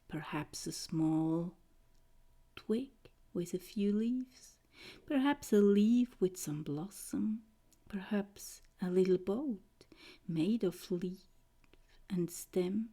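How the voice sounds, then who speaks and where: A woman guiding a trance meditation in a soothing, mesmerizing way, with short gentle phrases and a soft, breathy voice that often nears a whisper. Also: mid-range voice. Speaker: guided meditation narrator.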